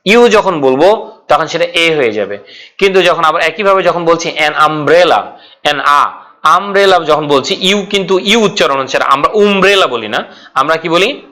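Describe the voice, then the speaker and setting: In an online grammar class, a male English grammar teacher speaks in a slightly high, bright, forceful voice at a moderate, animated pace. He explains things step by step, poses questions he answers himself, and repeats the key points.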